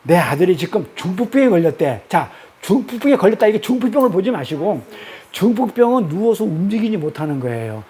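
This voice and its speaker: A man's voice: high-pitched, sing-song, a little fast, mellow. A man leading a Bible study lecture, pressing his listeners with constant rhetorical questions and repeating key words for emphasis. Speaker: Bible teacher.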